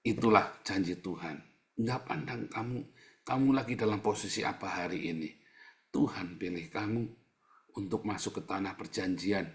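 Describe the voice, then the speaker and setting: A man preaching a sermon, conversational, repeating phrases for emphasis and swinging between loud bursts and quiet asides to the congregation. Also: sits low, moderate pace, vocal fry.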